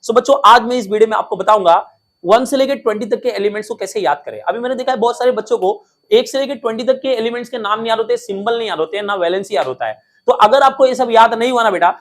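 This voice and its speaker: A man's voice: high-pitched, fast, a bit bright. A man teaching a lesson in a playful, coaxing way, asking questions and answering them himself. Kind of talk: classroom lesson, coaxing students.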